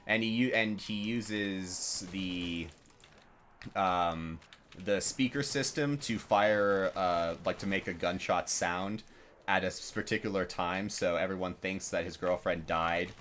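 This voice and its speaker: A man's voice: low voice, slow pace, fairly bright tone, a little hiss or hum. A man chatting casually while gaming, rambling and hesitant with lots of fillers and slang.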